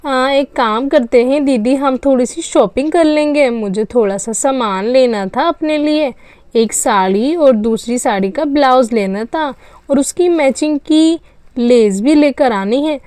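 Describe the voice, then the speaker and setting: A woman's voice: sits high, unhurried, darkish tone, clear, resonant tone, no echo. A woman voicing a cheerful, chatty young housewife in a doll story.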